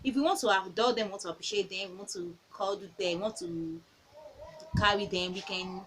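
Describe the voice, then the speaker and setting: A woman's voice: mid-range voice, normal speed, a bit bright, a little hiss or hum, rough recording. A woman in her thirties giving earnest parenting advice in a casual talk. She repeats phrases and tells stories from her own home.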